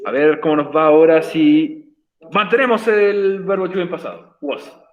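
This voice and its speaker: A man's voice: a little high, moderate pace, reverberant, dull audio. A man teaching an online English class, patient and encouraging, explaining step by step.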